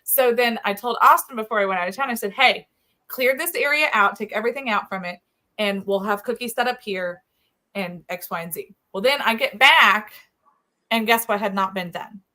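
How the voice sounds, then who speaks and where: A middle-aged woman with a drawl chats away as a show co-host, her voice pitched a bit high and bright. She tells stories in an animated, chatty way and laughs often. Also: normal speed. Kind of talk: casual storytelling chat.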